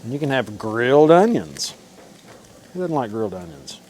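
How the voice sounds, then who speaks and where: With clear sizzling and frying behind him, a man cooks and talks casually to camera for his home cooking vlog. His medium-pitched voice is sing-song and darkish, at normal speed, and his manner is folksy and informal.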